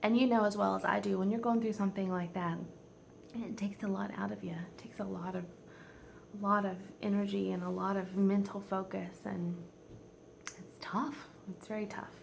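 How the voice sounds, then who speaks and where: A woman in her forties, a home vlogger chatting casually, rambling and heartfelt and teary, often dropping to a soft near-whisper. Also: mid-range voice, steady tone, moderate pace, gravelly, slight background noise. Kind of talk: casual chat.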